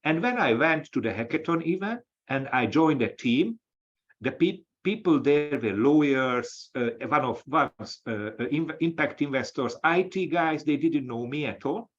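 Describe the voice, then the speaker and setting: A man from Hungary with a Hungarian accent, an associate professor giving a lecture-style webinar talk, speaking haltingly with many restarts over a video call. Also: mid-range voice, expressive. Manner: halting, with frequent restarts and fillers. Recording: dull, lo-fi audio.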